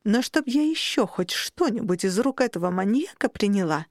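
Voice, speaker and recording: A young woman reads a novel aloud in the first person. She is emotional and her voice climbs sharply in distressed moments, from a middle pitch. The sound is dry and close to the mic. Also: animated, normal speed, dry recording. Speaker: audiobook narrator.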